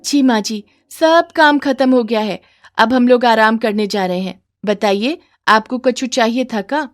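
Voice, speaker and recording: Woman voicing a tearful, gentle young wife. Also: measured pace, natural voice. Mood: polite. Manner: polite, tearful, high-pitched.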